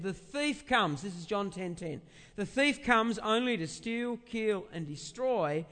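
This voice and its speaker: This big-voiced pastor speaks high-pitched and a bit bright, preaching a conversational sermon. Rhetorical questions and halting repetition for emphasis run throughout, captured with the reverberant sound of a large indoor church.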